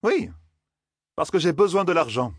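A man doing a reckless young gambler, weak on his feet but stubborn, with a raised, husky, dry storybook voice. He sounds boastful and stubborn, and his pitch swings widely. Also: very animated, moderate pace, dry recording. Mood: determined.

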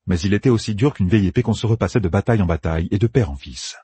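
A man reading a fantasy audiobook as narrator with an expressive delivery. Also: fairly low pitch, very fast, husky, no echo. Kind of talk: scripted narration.

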